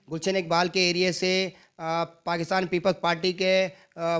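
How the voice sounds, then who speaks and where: A man presenting and interviewing for an online channel, formal with filler pauses, on location at a busy party office. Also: high-pitched, fairly bright tone.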